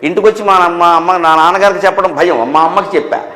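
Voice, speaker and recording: A high-pitched man preaches a spiritual discourse to a gathered audience. He scolds with rhetorical questions and dry humour. His voice rings out with a long reverb tail in a large hall. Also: fast, pushed and bright.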